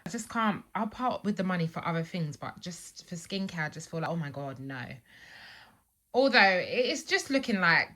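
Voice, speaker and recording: A woman's voice: lowish voice, animated, a little fast, few pauses, pushed and bright, no echo. A woman in her thirties chatting candidly and upbeat in a casual vlog. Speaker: vlogger. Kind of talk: casual vlog chat to camera. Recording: noisy background.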